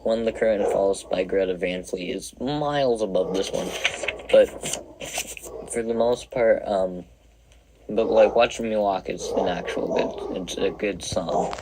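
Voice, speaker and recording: A man's voice: deep voice, unhurried, heavy background noise. A young man in his twenties giving casual, wry commentary as he ranks songs, rambling and self-deprecating. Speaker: video creator ranking songs.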